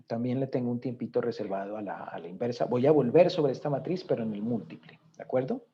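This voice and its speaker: A man's voice: medium pitch, fast talker, warm tone, dull audio, slight background noise. A man teaching a recorded economics lesson, explaining step by step and often checking in with his students. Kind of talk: recorded lecture with spreadsheet walkthrough.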